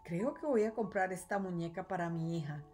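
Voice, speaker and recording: A woman's voice: on the low side, brisk, a little mellow, faint music behind, close to an everyday voice. A woman voicing an admiring female shopper in a storybook read-aloud, speaking with delight.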